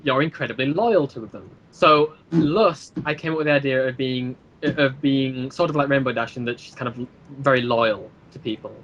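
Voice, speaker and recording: Here a man is an interview guest, the creator of an audio drama series, chatting casually and explaining it in an eager, rambling way. His voice is medium in pitch and fairly bright, delivered at a moderate pace with few pauses. The recording has its highs cut off.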